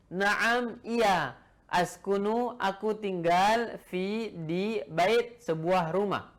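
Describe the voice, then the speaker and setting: A man's voice: sits high, fairly bright tone. A man teaching Arabic in an online lesson, repeating each phrase and translating it piece by piece. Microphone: video call.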